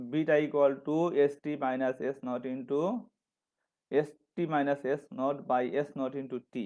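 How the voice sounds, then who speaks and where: A man from Bangladesh teaching a physics lecture, working through formulas step by step and correcting himself as he goes. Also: on the high side. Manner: methodical, dictating formulas step by step, restarts and self-corrections. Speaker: physics instructor. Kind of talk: recorded classroom lecture. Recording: slightly dull lo-fi audio.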